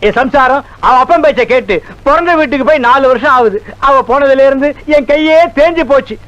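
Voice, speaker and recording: A man's voice: very high voice, brisk, lo-fi sound. A wailing comic melodramatic man. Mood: complaining. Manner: loud, wailing, theatrical pleading. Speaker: comic actor in film scenes. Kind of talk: 1990s Tamil film comedy acting.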